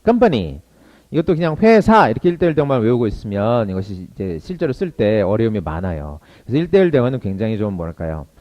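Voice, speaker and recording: A man teaching English to Korean learners in an online lesson, drilling phrases briskly and slowing down for model sentences. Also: on the low side, sing-song, dark tone.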